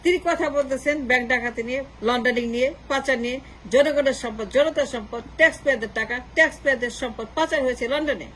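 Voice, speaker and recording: A woman's voice: sits high, fast, fairly bright tone, a little hiss or hum, low-quality recording. A woman giving a political opinion monologue, insistent and repetitive, slipping English phrases into her talk. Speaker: political commentator.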